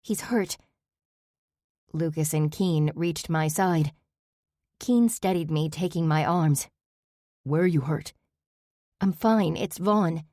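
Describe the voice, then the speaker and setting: A woman narrates a first-person audiobook in a steady, measured way. Her voice sits low and sounds mellow and warm. The close studio mic gives a dry sound with no room around it. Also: no room sound.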